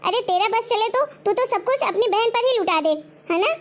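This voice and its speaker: A woman's very high voice, at ordinary speed, scolds a daughter-in-law in homemade web-drama acting. As the harsh, stingy mother-in-law, she hurls taunts and repeats her demands over and over.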